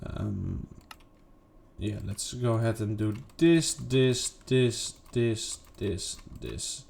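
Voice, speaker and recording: A gaming video creator casually narrates his gameplay in casual, unedited commentary, rambling and second-guessing himself with lots of fillers and "boom." His voice is gravelly and a little mellow, and he draws out his words.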